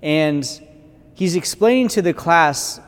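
A man's voice: a little high, lively intonation, takes it slowly. An American man speaking as a priest at Mass in church, his voice carrying a long cathedral echo. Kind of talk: liturgical Gospel reading and conversational homily. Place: large church interior.

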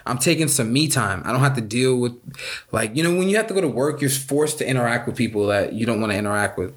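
A man's voice: medium pitch, expressive, quick pace. A man co-hosting a podcast in laid-back casual chat, swearing and laughing often. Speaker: podcast co-host.

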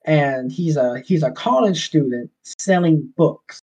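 This Georgia man, guesting on a podcast, tells stories in a laid-back chat with a Southern US accent. He sounds a little high and darkish, animated yet a little slow. The call audio is dull and lo-fi.

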